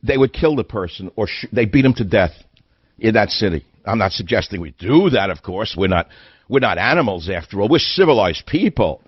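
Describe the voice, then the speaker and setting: A man's voice: lowish voice, very animated, a little fast, husky, dry recording, lo-fi sound. An older man hosting a radio talk show, delivering an indignant monologue full of hammering rhetorical questions. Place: radio studio.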